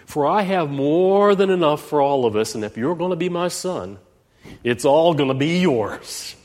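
A man voicing a kind, generous wealthy businessman who speaks gently, in a sermon story with a long hall reverb. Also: on the high side, animated, moderate pace, natural voice. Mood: kindly. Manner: kindly and gentle.

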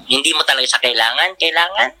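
A man chats as a nurse guest on a podcast. His voice is very bright and keen. He talks haltingly with many fillers and breaks into laughter often. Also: fairly high pitch, lively intonation, rough recording. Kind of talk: casual podcast chat.

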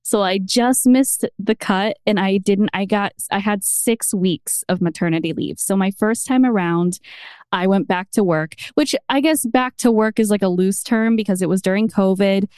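A woman in her thirties, a podcast guest, telling her story in a chatty, animated way. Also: medium pitch, normal speed, clear, resonant tone, no echo, studio quality. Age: 30s. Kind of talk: casual conversational interview.

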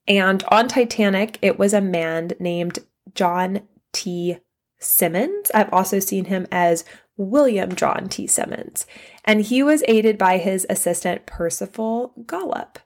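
A woman hosting a solo history podcast, telling it in a conversational, digressive way with side notes. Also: medium pitch. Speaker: podcast host.

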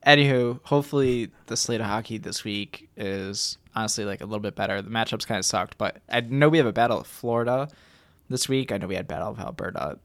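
Relaxed man co-hosting a podcast. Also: lowish voice, quick pace, no echo. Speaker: podcast co-host. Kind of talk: casual chat.

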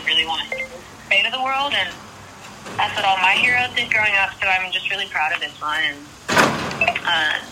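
A woman's voice: medium pitch, very noisy. A young woman who is a singer, chatting casually as a guest in an interview and laughing often. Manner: bubbly, laughs often, says like a lot.

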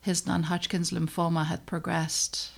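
In scripted personal narration for her own podcast, a middle-aged pediatrician from the Netherlands speaks slowly and deliberately with a low-set, level voice. A gravelly fry runs through her earnest, reflective tone as she lets pauses settle.

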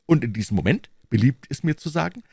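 A man's voice: medium pitch, animated, quick pace, gravelly, darkish tone, husky, no room sound, clean studio sound, pitched above the performer's own voice. A man reading an audiobook, voicing a sly, witty young male musketeer in a raised, mocking tone. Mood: cutting.

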